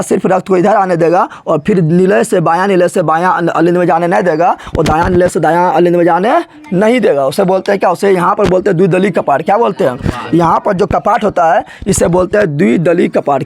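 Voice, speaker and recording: A man with a high-pitched voice and vocal fry teaches biology, drilling the class with question after question that he answers himself. He speaks in colloquial, regional speech.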